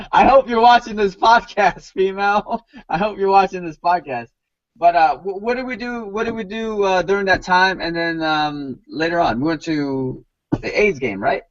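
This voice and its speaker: A man's voice: high voice, a little slow, dry recording, muffled recording. A man hosting a casual podcast chat, rambling and repeating words with lots of "you know". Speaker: podcast host.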